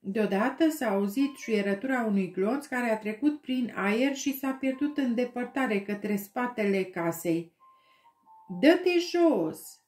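A woman narrating an audiobook with slow, expressive storytelling. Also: fairly high pitch, echoey room, faint music behind. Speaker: audiobook reader.

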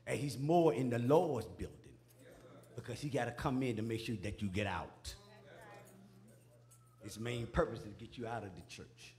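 A man speaking in a church sanctuary, exhorting the congregation in a folksy, call-and-response manner that rises toward shouting. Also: mid-range voice, moderate pace, long pauses. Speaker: preacher.

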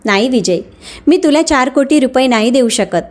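Woman reading as a calm, firm older mother. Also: high-pitched, normal speed. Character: calm dignified older mother, wealthy but humble.

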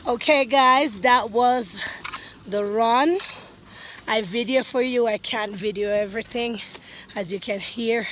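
A woman in her thirties with a Jamaican accent, excitedly vlogging to a phone held at arm's length outdoors on a mountain chairlift. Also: a little high, takes it slowly, soft background music. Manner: excited, laughing often, talking to camera. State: out of breath. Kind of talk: casual travel vlog.

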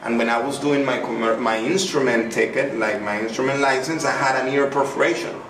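A man's voice: medium pitch, steady tone, a little fast, far from the mic. Middle-aged man, chatty and effusive, recorded from afar in an echoey, noisy room. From Venezuela. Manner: effusive, chatty, many fillers. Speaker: artist interviewed by a child. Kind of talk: casual interview. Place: small indoor room.

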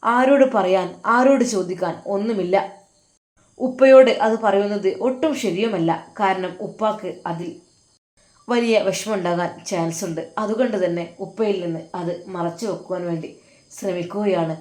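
A woman's voice: medium pitch, a little mellow. Earnest Malabar woman storyteller. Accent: Malabar Malayalam. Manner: earnest, dramatic, dwells on pauses. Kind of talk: emotional story narration. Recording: roomy echo.

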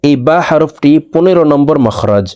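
Guy teaching arabic letters, warm low-key voice, says each letter twice then spells it. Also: lively intonation, moderate pace, smooth, highs cut off. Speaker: Quran teacher. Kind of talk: slow step-by-step recitation lesson.

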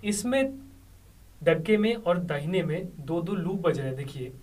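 A man's voice: fairly high pitch, lively intonation, normal speed. A male tabla teacher who explains a rhythm patiently, step by step, and often checks with the listener. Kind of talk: spoken music lesson with counting and drum syllables. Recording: tabla playing loud behind the voice, voice sometimes far from the mic.

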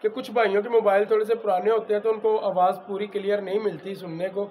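A man from Pakistan who breeds and sells pigeons, talking loudly and emphatically as he shows birds to his viewers, repeating the same stock phrases. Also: sits high, flat delivery, fast. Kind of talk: casual handheld show-and-tell. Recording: faint background noise with pigeons.

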